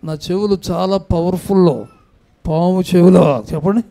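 A man's voice: high voice, moderate pace, vocal fry, warm tone. A man preaching a sermon as pastor, with an Andhra Telugu accent, urging the congregation to answer aloud into a microphone in a church. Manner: exhorting congregation to respond aloud.

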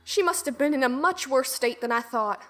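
Acting in an audio drama, a woman voices an earnest, dutiful young girl who formally relates her own fairy tale in first-person storybook style, with an earnest, reflective feel. She speaks in a high, slightly bright voice with lively intonation at a moderate pace.

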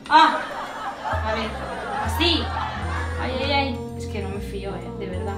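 A woman with a Spanish accent from Spain, chatting excitably to viewers while cooking in her kitchen. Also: on the high side, a little slow, far from the mic, a crowd in the background. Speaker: cooking vlogger. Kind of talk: casual cooking demonstration. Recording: echoey kitchen with music behind.

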